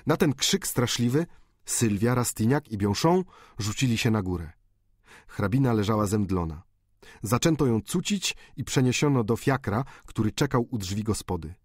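A man narrating a classic novel as an audiobook in a measured, expressive way. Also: lowish voice, dry recording, clean studio sound. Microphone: studio microphone.

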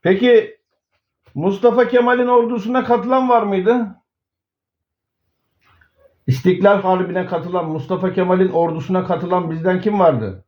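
A man's voice: high-pitched, normal speed, long pauses. A man conducting an informal interview, prompting and summing up what he is told. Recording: dull, lo-fi recording.

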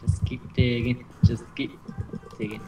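A young man giving excitable, teasing commentary while playing a multiplayer game with friends over a noisy voice-chat recording. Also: mid-range voice, unhurried, far from the mic, muffled recording, music in the background. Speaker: gamer.

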